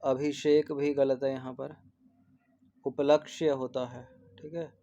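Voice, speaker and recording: Guy teaching spelling for an exam, flat monotone, warm dark voice, keeps repeating each word. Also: medium pitch, slow, vocal fry, dull audio. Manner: mixes English numbers and terms into Hindi. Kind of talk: exam test-series answer walkthrough.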